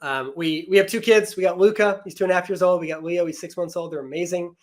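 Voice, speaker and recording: A man's voice: sits high, steady tone, fast. A man in his thirties, a podcast guest, earnestly telling an emotional personal story about loss and faith.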